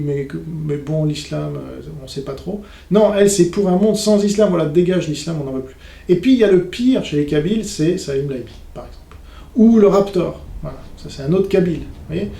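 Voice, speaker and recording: A man with a fairly high yet gravelly, dark-toned voice comments on a conference video. His off-the-cuff polemic is scornful and sarcastic, and he imitates those he criticises, recorded in an echoing, roomy space.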